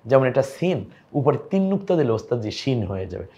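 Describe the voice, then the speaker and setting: A man's voice: mid-range voice, big pitch swings, brisk, dark tone, dull audio. Patient man teaching a recorded lesson. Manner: patient, asks and answers his own questions. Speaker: Quran teacher.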